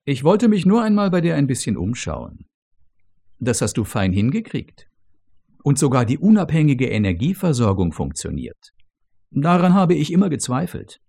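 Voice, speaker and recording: A man's voice: medium pitch, wildly swooping pitch, normal speed, vocal fry, warm tone, breathy edge, pitched above the performer's own voice, full character voice. A man voicing the ghost of an old male chief engineer who talks down to his successor with teasing condescension. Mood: mocking. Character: old male ghost, mocking former boss.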